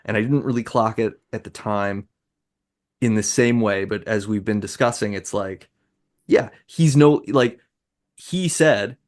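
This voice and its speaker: A man's voice: lowish voice, measured pace, a little mellow. A man co-hosting a podcast, chatting casually and thoughtfully about a film, with lots of rambling "like"s. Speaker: podcast co-host.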